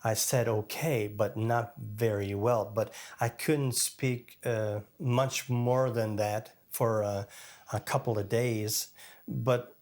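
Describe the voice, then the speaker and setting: A man from Cape Breton, a former pastor, talking as a guest in halting, slow speech full of fillers, with a French-sounding lilt left after a stroke. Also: fairly low pitch, fairly even intonation, a little mellow. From Cape Breton, Canada. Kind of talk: interview conversation.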